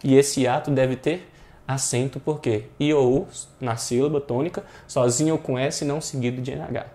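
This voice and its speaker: A man's voice: mid-range voice, steady tone, moderate pace, mellow. A Brazilian Portuguese-speaking male teacher explaining grammar exercises in an online exam-prep class, often checking in with rhetorical questions.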